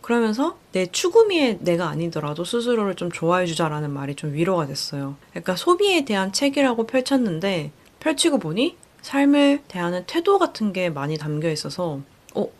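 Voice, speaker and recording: A young woman hosting a casual podcast, chatting reflectively about a book she read and often acting out her own thoughts in lively voices. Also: on the low side, brisk, few pauses. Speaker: podcast host.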